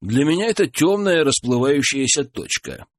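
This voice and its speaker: A man voicing a calm, polite, curious middle-aged traveller in an audiobook. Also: on the high side, normal speed.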